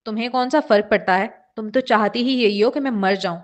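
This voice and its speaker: A woman's voice: medium pitch, close to an everyday voice. A woman voicing a feverish young husband in an audiobook reading, sulking and grumbling at his wife. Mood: sulky. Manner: sulky and grumbling.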